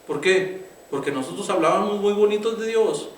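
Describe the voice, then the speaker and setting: High-voiced pastor preaching in an echoey church. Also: male voice, moderate pace. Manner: keeps addressing listeners as brother and asking "right?". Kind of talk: conversational sermon. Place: church sanctuary. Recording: echoey church room, mic at a distance, faint background hiss.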